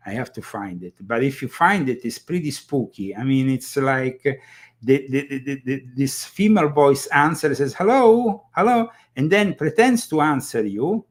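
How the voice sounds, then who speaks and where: A man hosting a political commentary show, talking casually with halting starts and many fillers. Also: mid-range voice, lively intonation. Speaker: host.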